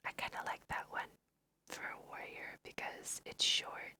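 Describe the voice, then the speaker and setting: A woman whispers through a casual ASMR let's play, musing and talking to her viewers as she plays. Her pace is unhurried and her tone sharp.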